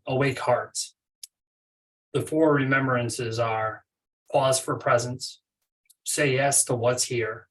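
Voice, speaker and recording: A man with a medium-pitched, slightly bright voice leads a guided meditation, delivering scripted instructions in measured phrases with space between them. The mic is distant and the audio is poor.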